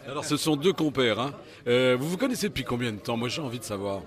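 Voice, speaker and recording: A man's voice: mid-range voice, expressive, quick pace. A man hosting a casual interview, playful and talkative. He fills gaps with "euh" and cracks puns as he goes, in an easygoing, friendly-sounding way. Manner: jokey, chatty, full of fillers and puns.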